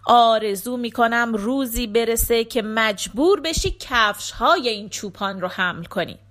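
A woman voicing a wise, stubborn merchant's wife who speaks firmly and calmly in a folktale reading. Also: high voice. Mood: defiant.

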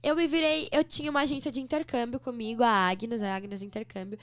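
A woman from Brazil, a podcast guest, telling stories in an animated, chatty way. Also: fairly high pitch, quick pace, no room sound. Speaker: interview guest. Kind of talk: casual chat.

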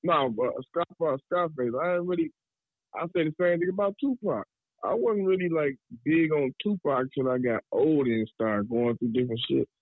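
Man, slightly high voice, phone-like narrow sound, casual slangy reminiscing, repetitive, profane. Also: moderate pace, no echo. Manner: slangy, profane, repeats himself. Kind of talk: casual chat, reminiscing about music. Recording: thin phone-like band, dry.

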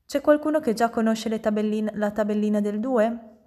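A woman voicing a kind young female schoolteacher in an audiobook reading, with a bright, encouraging tone. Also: fairly high pitch, normal speed, lightly acted. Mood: instructive.

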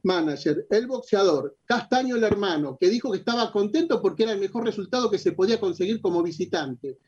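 A man's voice: high-pitched, expressive, fairly quick, lo-fi sound, noisy background. A man with an Argentine accent, a boxing journalist arguing heatedly and insistently, talking over the other speaker. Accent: Argentine Spanish. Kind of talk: heated radio argument.

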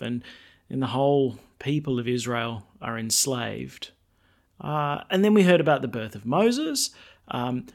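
A man speaking as a priest at Mass, in the style of Gospel reading and homily. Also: medium pitch.

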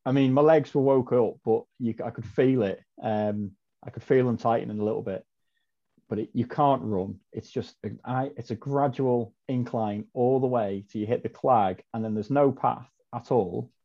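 A man's voice: mid-range voice, normal speed, dark tone. A man, a podcast guest telling a long story in a chatty, rambling way with many ums and self-corrections. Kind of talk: casual storytelling chat. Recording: dull lo-fi audio.

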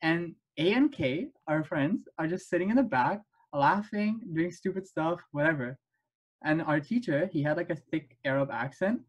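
A man hosting a casual podcast chat over a video call, telling stories with quick asides. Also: on the high side, expressive, husky, highs cut off. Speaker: podcast host.

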